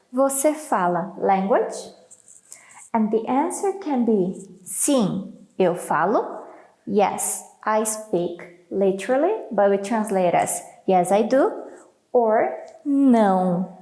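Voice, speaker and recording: Slow, patient woman teacher with a Brazilian accent. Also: fairly high pitch, mellow, echoey room. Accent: Brazilian Portuguese. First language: Portuguese. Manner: repeats each word slowly and carefully for learners. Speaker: language teacher. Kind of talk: slow, clear language lesson.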